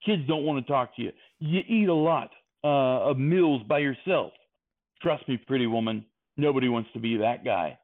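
A man's voice: mid-range voice, moderate pace, close to an everyday voice. A man putting on a weary, wisecracking male cop hero who grumbles through a world-weary monologue. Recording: tinny phone-like line.

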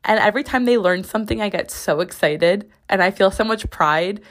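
This young podcast host talks briskly on her own, in a medium-pitched voice with a slight rasp left over from losing it. Her chat from her home bathroom is a loose, easygoing ramble peppered with "like."

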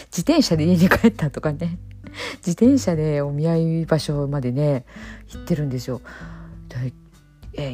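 Woman, 50s, Okayama dialect; deep mellow tone, unhurried reflective monologue with soft fillers. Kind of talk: casual solo monologue.

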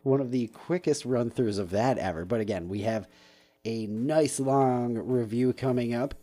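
Podcast co-host, male, mellow tone, jokey, faint music under. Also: mid-range voice, normal speed. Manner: jokey, teasing. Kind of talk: casual chat.

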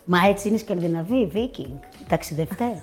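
A middle-aged woman, a guest in a casual talk-show chat, telling her story with laughter and lively turns. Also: mid-range voice, faint music behind.

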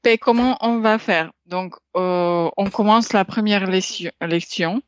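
A woman tutoring in a casual language exchange, explaining patiently with many pauses and fillers. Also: medium pitch, muffled recording. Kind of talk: casual tutoring over a call.

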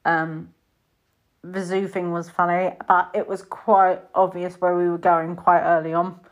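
A British woman in her thirties chatting casually about films, rambling and breaking into high-pitched mimicked reactions. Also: little pitch movement, measured pace. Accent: British English. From Britain. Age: 30s. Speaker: film reviewer. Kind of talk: casual chat.

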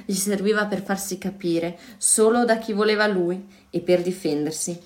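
A woman reads a children's story aloud in a warmly paced, expressive voice. Her delivery is playful, leaning into the rhythm of the words. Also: mid-range voice, moderate pace.

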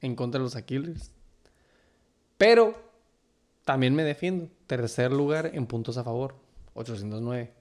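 A man's voice: mid-range voice, brisk, a little mellow. A man with a Mexican Chicano accent chatting casually as a co-host, full of street slang and dropping in English phrases. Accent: Mexican Spanish with Chicano flavor. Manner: slangy, code-switches into English. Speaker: sports league podcast co-host. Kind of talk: casual slangy banter about a fantasy league.

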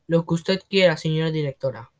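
Man doing a gentle young teacher, soft, earnest, pleading, high-set voice, storybook. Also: fairly quick, natural voice.

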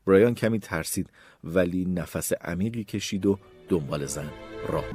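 Male audiobook narrator: low, breathy voice with a lively, expressive read; dry close sound. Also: dry recording. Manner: expressive storytelling. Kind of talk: scripted narration.

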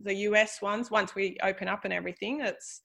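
A woman's voice: mid-range voice, steady tone, fairly quick, creaky, sharp tone. A woman in casual chat, talking in a chatty way and reading from a list.

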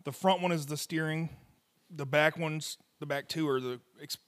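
A man co-hosting a relaxed podcast who mostly chimes in with brief agreement. When he does speak at length, he reasons things out in an offhand way. His voice sits a touch higher than usual for a man. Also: normal speed. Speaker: podcast co-host. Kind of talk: casual chat.

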